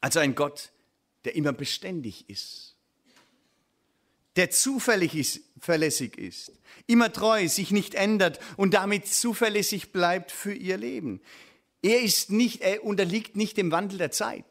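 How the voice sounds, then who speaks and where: A man preaching a sermon, reading scripture slowly and then explaining it in a conversational way to his congregation. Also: high voice, animated, fairly bright tone.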